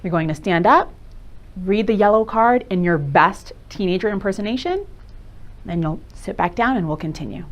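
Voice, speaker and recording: A woman presenting a live workshop, speaking directly and quizzing the audience with quick questions. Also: mid-range voice, expressive, highs cut off. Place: meeting room with a live audience.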